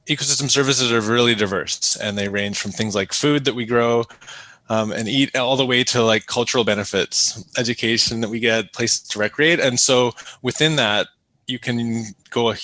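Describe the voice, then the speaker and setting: A man's voice: mid-range voice, steady tone, normal speed, bright, forceful tone, no echo. A man from Canada, a landscape ecologist, giving thoughtful interview answers with frequent restarts over a video call.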